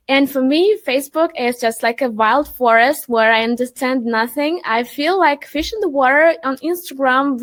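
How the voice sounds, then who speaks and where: Presenting a live webinar, this upbeat, high-voiced young marketing manager chats cheerfully, reading out greetings from the chat and naming viewers as she says hello.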